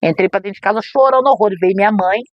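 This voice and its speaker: Middle-aged woman, preacher guest, animated spoken testimony, dry close sound, mid pitch. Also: quick pace, no echo, dull audio. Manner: animated storytelling, acts out quoted voices. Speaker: podcast guest, missionary preacher. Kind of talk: emotional personal testimony.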